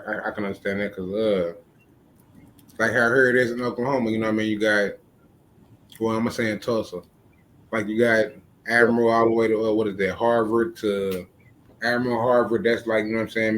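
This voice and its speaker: Fast-talking casual male interview host. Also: lowish voice, level tone, a bit bright, slight background noise. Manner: easygoing, lots of "you know what I'm saying".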